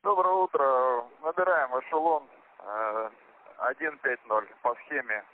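A man's voice: mid-range voice, unhurried. A man working as an airline pilot, reading back instructions with his call sign in clipped radio phraseology over a cockpit radio transmission. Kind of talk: air traffic radio exchange. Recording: tinny radio channel with faint static.

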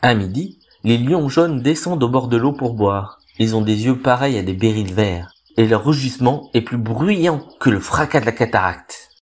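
Un homme raconte une histoire merveilleuse, posément et avec expressivité, d'une voix ni grave ni aiguë. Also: male voice, mid-range voice. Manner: calm, measured, expressive. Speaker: storyteller. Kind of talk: reading a fairy tale aloud.

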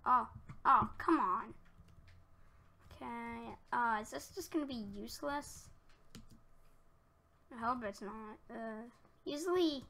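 A woman giving chatty Let's Play commentary at her computer, easily flustered and breaking into outbursts when under attack, with keyboard typing behind her. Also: fairly high pitch. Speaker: gaming channel host.

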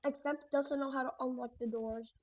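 A woman's voice: high-pitched, steady tone, normal speed, a little mellow, highs cut off, a little hiss or hum. A woman casually chatting and reacting to funny videos on an online call.

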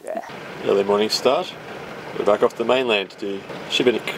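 A man's voice: lowish voice, steady tone, normal speed. A man hosting a sailing vlog, narrating casually and explaining things from the deck of a sailboat. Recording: outdoor wind and water noise.

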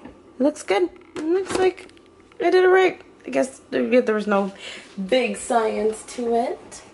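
A woman's voice: sits high, takes it slowly, gravelly, darkish tone, a little hiss or hum. A woman talking casually through her meal prep in a home kitchen, chatty and a little hesitant, often correcting herself. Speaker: vlogger.

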